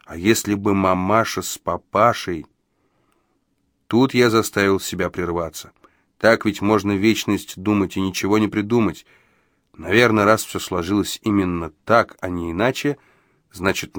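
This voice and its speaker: A man narrating an audiobook in the first person, in calm, even storytelling. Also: on the low side, normal speed, dry recording, clean studio sound.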